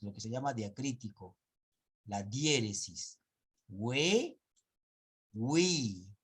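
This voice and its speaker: A man's voice: mid-range voice, slightly rough. A male teacher giving a pronunciation class, patiently repeating sounds and checking that students follow. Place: online class in 2021.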